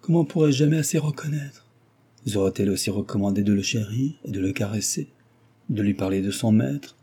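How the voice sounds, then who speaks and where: A man voicing an ardent young gentleman suitor. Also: fairly low pitch, fairly quick, slightly rough. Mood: passionate, pleading. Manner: passionate, earnest, insistent. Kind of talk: audiobook reading.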